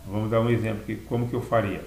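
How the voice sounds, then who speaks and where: Man teaching a slow lesson, echoey room. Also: fairly low pitch, flat delivery, vocal fry, a little mellow, a little hiss or hum. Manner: slow explanatory teaching, repeats words in both languages. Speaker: English teacher. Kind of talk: recorded online lesson.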